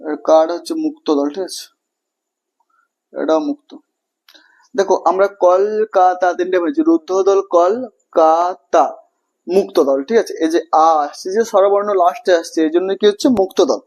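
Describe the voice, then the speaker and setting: High-voiced Bengali man teaching grammar. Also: fairly quick, a little mellow. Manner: repetitive, checks understanding often, asks and answers own questions. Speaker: English teacher. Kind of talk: classroom grammar lesson.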